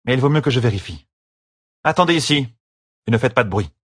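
A man voicing a cold, commanding sorceress woman who gives curt, clipped orders in a husky voice. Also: medium pitch, animated, fairly quick, no echo, clean studio sound, pitched above the performer's own voice. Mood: hushed.

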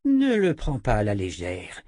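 A man's voice: lowish voice, wildly swooping pitch, a little slow, mellow, no room sound, full character voice. A man voicing a wry old wizard adviser, over 60, in an audiobook, with a dry mumbling manner.

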